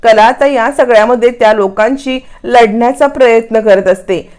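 A woman retelling a TV serial plot in an animated way, often repeating phrases. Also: a little high, normal speed.

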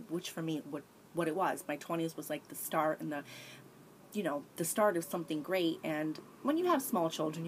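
A woman in her thirties with a low voice rambles candidly in a casual, confessional home vlog, with frequent restarts and sighs. She records on a tablet held at arm's length in a small sunny room, with slight background noise.

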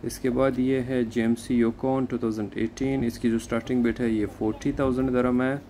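A car market vlogger with a mid-range voice and moderate pace walks an outdoor used car auction lot on camera. His narration is plain, steady and informative, marked by hesitant fillers, with outdoor noise in the background.

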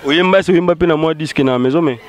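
A man's voice: on the high side, quick pace. A man hosting a TV interview show, giving thanks and introductions in French mixed with Lingala. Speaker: TV show host.

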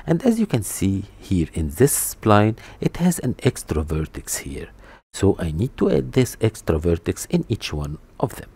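Low, husky-toned male tutor, lively rises and falls, talking calmly through each step at the desktop mic. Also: unhurried. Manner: step-by-step, methodical, with restarts and a stumble over a word. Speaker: 3D modeling tutor. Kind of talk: screen-recorded software tutorial.

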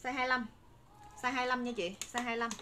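A Southern Vietnamese woman sells live in a fairly high, bright voice. Her pitch is persuasive and repetitive, addressed straight to viewers. Faint noise sits behind her in a phone recording made indoors. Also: fairly even intonation, normal speed. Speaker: live-stream shop seller. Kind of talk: live sales patter, talking to viewers. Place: indoor room with curtains and bagged stock. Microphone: phone a short distance away. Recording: noisy room recording on phone.

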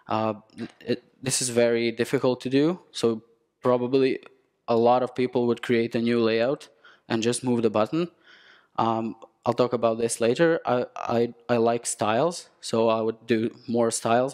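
A young man with a Serbian accent speaks at a conference lectern through a headset mic. His voice is smooth and clear, pitched in the middle range. He talks in a halting way, with fillers and frequent restarts. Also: steady tone, a little mellow. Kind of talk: technical conference talk.

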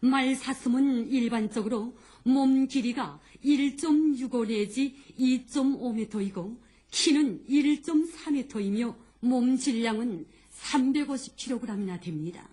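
A woman announcer with a North Korean accent reading scripted news in a formal, measured way. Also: sits high, mellow.

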